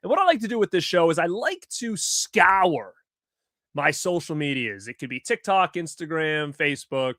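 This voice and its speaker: A man's voice: on the high side, sing-song, moderate pace, no echo, clean studio sound. Upbeat man hosting a livestream on a headset mic. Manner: upbeat, shouts out viewers by name. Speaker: livestream host. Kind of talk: casual live-chat greetings.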